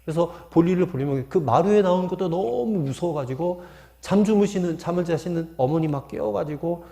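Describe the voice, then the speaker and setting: A man's voice: fairly high pitch, a little fast, creaky, dark tone. A man preaching a sermon as pastor, telling folksy stories and posing rhetorical questions to the congregation. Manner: folksy storytelling with anecdotes.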